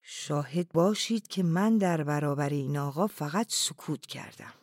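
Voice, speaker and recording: A reader voicing a polite, smug foreign envoy who speaks in a calm, measured way. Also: no room sound, clean studio sound, close to an everyday voice. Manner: smooth, measured, lowered voice.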